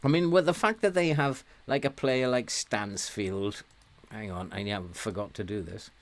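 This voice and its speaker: A man's voice: fairly low pitch, steady tone. A man in his sixties, chatting and chuckling at himself while commenting on a game he plays. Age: 60s. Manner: chuckling, self-mocking, slow and chatty. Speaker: let's play host.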